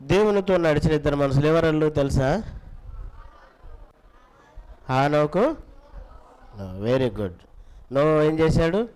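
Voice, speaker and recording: A man teaching a children's Bible class, quizzing the children and urging them to answer loudly. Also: on the high side, animated, slow, pauses often, smooth, low-quality recording. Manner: coaxing, repeats questions, urges children to answer loudly.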